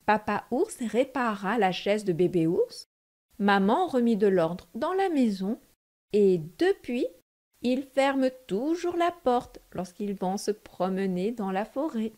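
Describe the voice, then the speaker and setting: A woman narrates a children's storybook at a slow, careful pace. Her voice sits fairly high and she takes her time over each sentence. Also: a little mellow.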